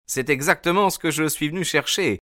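A man's voice: a little high, brisk, sharp tone, no room sound, studio quality, voice pushed up. A man voicing a male visitor who calls up insistently in a raised voice.

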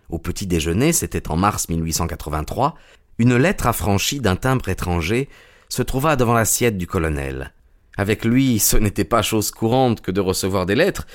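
Guy reading a story out loud, first person, lowish voice, measured and dramatic. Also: very animated. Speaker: audiobook narrator.

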